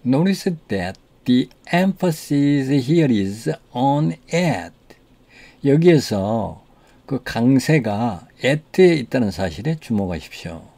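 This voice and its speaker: A man with a Korean accent teaching English, explaining in Korean and reading English sentences slowly with stress. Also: medium pitch, very animated, warm tone. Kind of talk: language lesson explaining English pronunciation.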